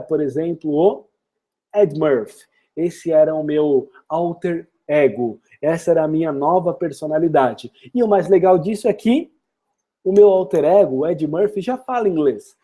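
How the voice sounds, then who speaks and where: A man with a Brazilian Portuguese accent teaching an online English lesson. He is energetic and encouraging and keeps asking rhetorical questions. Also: on the high side, husky.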